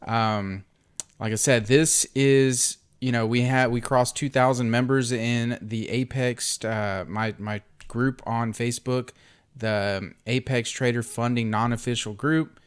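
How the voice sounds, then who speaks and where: A man hosting an online group, making a casual, unscripted giveaway and sale announcement with an informal, halting delivery. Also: medium pitch, steady tone, clean tone. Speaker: host of an online trading group.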